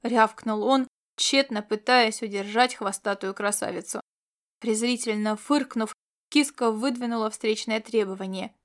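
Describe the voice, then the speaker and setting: A woman reading a science fiction audiobook in scripted narration, with expressive delivery. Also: fairly high pitch, a little slow.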